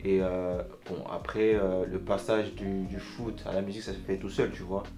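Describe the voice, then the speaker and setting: A man from Togo, a guest musician, talking casually and hesitantly, often pausing with fillers. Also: deep voice, level tone, music in the background. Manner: hesitant, fills with "euh" and "tu vois". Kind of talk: casual interview chat.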